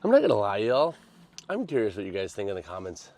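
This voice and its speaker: On the low side and warm, this American vlogger speaks at a quick pace with huge pitch swings. His voice is congested and nasal as he rambles through a casual chat full of informal slang.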